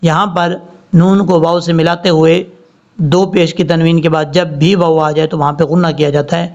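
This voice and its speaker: High-voiced man teaching Quran recitation. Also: level tone, darkish tone. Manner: slow drawn-out recitation between plain explanations. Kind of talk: word-by-word Quran recitation lesson. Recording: dull lo-fi recording.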